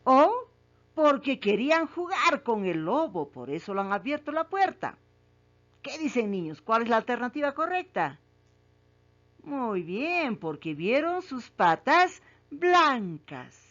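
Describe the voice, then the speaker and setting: A woman's voice: a little high, very animated, unhurried, a bit bright. A woman teacher asks children questions about a story, repeats each question, and then confirms the right answer. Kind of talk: reading comprehension quiz for children. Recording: muffled lo-fi recording.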